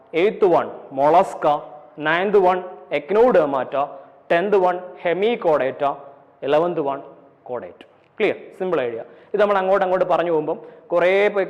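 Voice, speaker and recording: A man with a Malayali accent teaches a classroom lecture in a fairly high voice, repeating himself, asking and answering his own questions, and spelling terms out letter by letter. He slows way down to dictate definitions, and the audio sounds dull with a long echo.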